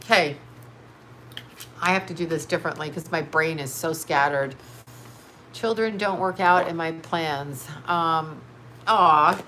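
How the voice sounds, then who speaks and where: Her voice is deep, bright and forceful, unhurried and full of long pauses, as this middle-aged woman with a blocked nose reads cards and responds to live chat. There's slight background noise; she swears, laughs a lot, speaks bluntly and jumps around.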